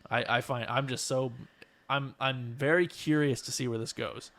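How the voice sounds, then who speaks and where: A man co-hosting a podcast in casual chat, animated and swearing freely, often ending points with rhetorical questions. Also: medium pitch, normal speed. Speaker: podcast co-host.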